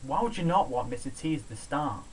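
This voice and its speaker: Talking fairly quickly in a mid-range, expressive voice, this man hosts a video review show and delivers a scripted countdown of films. His style is casual, opinionated and full of swearing, and the audio quality is poor.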